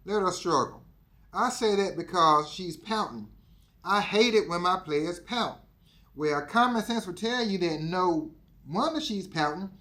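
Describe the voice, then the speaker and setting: A man reads aloud from a book, pausing often to speak directly to his listeners as teammates. His voice sits high for a man, and he preaches with repetition. The tone is that of a motivational lesson. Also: animated, pushed and bright. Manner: preachy, repeats himself, talks to listeners as teammates. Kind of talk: reading aloud with commentary.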